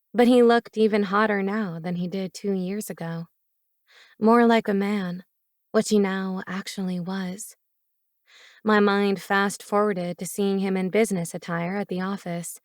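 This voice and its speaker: Lady reading a romance audiobook, mid pitch, steady and even, dry recording. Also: no room sound. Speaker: audiobook narrator. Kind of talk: first-person romance audiobook narration.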